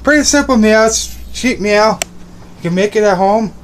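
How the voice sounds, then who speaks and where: Filming himself on a phone at arm's length, a young man cooks indoors at home in a small kitchen and bedroom, chatting in an upbeat, rambling way and repeating himself. His voice sits high and moves at a moderate pace, with a little hiss or hum in the background.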